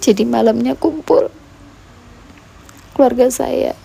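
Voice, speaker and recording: A woman gives a personal account for a news report, her voice high and full of fry. She talks slowly in halting, fragmented phrases with a dark, mellow tone. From Medan, Indonesia. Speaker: mother filing a police report.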